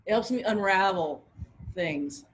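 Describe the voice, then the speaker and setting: A woman's voice: mid-range voice, measured pace, a little hiss or hum, poor audio. A woman in a congregation sharing on a video call, hesitant with "um". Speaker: congregation member. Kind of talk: casual chat on a video call.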